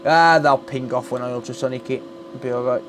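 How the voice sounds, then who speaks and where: Fast and fairly even in intonation, this medium-pitched British man trades blunt, sweary jokes while working. He's a repairer live-streaming casual chat from an indoor electronics workbench, in a clearly noisy recording.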